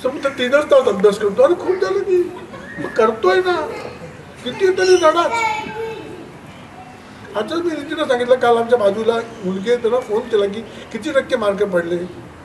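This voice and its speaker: High-voiced man speaking from a distance. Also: normal speed, long pauses, a crowd in the background. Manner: lively storytelling, acts out parents' and children's voices. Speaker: education speaker. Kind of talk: public talk to parents. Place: school hall. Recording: distant mic with clear background noise.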